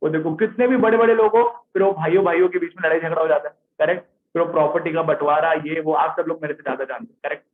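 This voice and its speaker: A man narrating a devotional story in a live sermon, lively and often checking in with his listeners. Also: on the high side, quick pace, few pauses. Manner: lively, checks in with listeners, reads out chat names. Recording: tinny phone-like sound.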